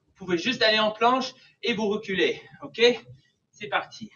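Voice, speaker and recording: High-pitched male aerobics instructor, distant mic. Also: moderate pace, pushed and bright. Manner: aerobics instructor, counting reps and calling out cues; encouraging. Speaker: fitness coach leading a bodyweight warm-up class. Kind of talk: live online workout instruction. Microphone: away from the mouth, at a distance. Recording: distant, dull microphone.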